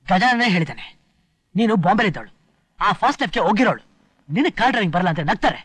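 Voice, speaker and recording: An actor playing a hot-tempered young husband who is curt and commanding, later remorseful. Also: male voice, sits high, very animated, quick pace, fairly bright tone, husky, exaggerated voice. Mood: harsh. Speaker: film character. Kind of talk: melodramatic film acting. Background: film score music.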